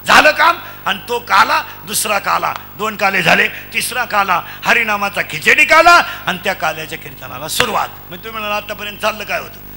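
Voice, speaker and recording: A man's voice: sits high, animated, a little fast, pushed and bright, faint music behind. A middle-aged man preaching a comic devotional sermon, chanting rhythmic lists and quizzing his audience. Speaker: kirtan preacher.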